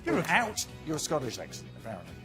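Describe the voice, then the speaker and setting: A man's voice: fairly high pitch, huge pitch swings, fast, bright, forceful tone, soft background music. A man hosting a casual football panel chat, playful and often stumbling over his words with laughter. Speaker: show host.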